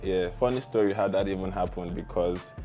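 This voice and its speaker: A young Nigerian startup founder with a Nigerian accent tells his life story in a relaxed interview, tossing in slangy asides and easy laughs. His low, mellow voice moves fairly quickly, with faint music behind him.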